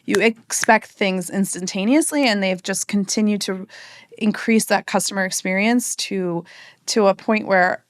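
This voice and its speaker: An American marketing executive chats as a podcast guest in a casual interview, thinking aloud with fillers and "right?" tags. She has a mid-range voice and a measured pace, captured at studio quality with no room sound.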